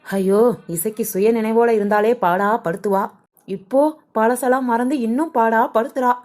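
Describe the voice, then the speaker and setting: A woman voicing a fussy, excitable village woman in a cartoon who exclaims and complains. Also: fairly high pitch, normal speed, lightly acted. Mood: fretful. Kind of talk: cartoon voice acting.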